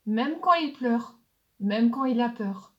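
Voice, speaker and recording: A kind little creature from another planet, a soft-hearted storybook friend, as a woman reads him aloud. He speaks gently and reassuringly, in a high, slow, unhurried voice. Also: animated, lo-fi sound. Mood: tender.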